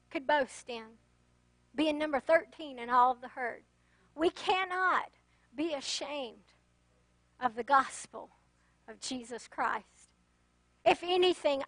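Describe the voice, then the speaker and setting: A woman's voice: sits high, a bit bright, dry recording, poor audio. A woman pastor preaching an earnest sermon that rises to emphatic exhortation.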